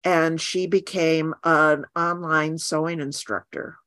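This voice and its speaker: A woman's voice: deep voice, steady tone, fairly bright tone, no echo. A woman artist as a guest in a casual interview, frank and wry. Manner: frank, wry, quick to agree.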